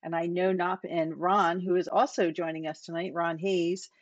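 A woman hosting a podcast, introducing her guest in a relaxed way with a few fillers. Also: fairly low pitch, normal speed, no echo. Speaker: podcast host. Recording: dry, dull lo-fi sound.

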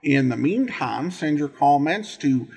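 A man hosts an informal commentary show in a husky, fairly high voice. His intonation swings widely and his delivery is halting and uneven. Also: expressive, a little mellow. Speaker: podcast host. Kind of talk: informal commentary on old radio shows.

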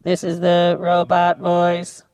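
A man's voice: high voice, monotone, slow, creaky, darkish tone, dry recording, voice pushed up, full character voice. A man talking through a metallic robot voice changer, joking around as a crude robot on a comedy podcast. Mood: deadpan robotic. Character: goofy crude male robot. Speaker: podcast co-host. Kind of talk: casual comedy podcast banter.

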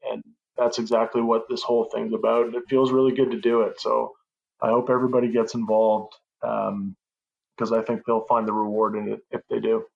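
Laid-back man, flat voice, dull audio. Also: medium pitch, a little fast, creaky. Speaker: guest musician. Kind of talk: casual interview talk.

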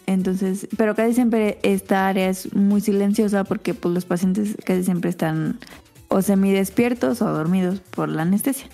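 A woman, co-hosting a podcast and telling a chatty, animated anecdote in a casual way. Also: medium pitch, normal speed, vocal fry, faint music behind. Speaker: podcast co-host. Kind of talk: casual storytelling chat.

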